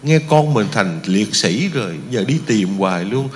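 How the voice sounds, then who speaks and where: A man's voice: fairly low pitch, lively intonation, unhurried, in a large hall, slight background noise. A man preaching a Buddhist sermon to his congregation, speaking emphatically and often asking his listeners rhetorical questions.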